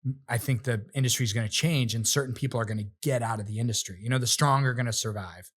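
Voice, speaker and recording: Animated man telling stories as a guest. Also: medium pitch, fast talker. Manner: animated storyteller, acts out quotes in other voices. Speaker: guest, realtor and rapper. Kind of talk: casual interview chat.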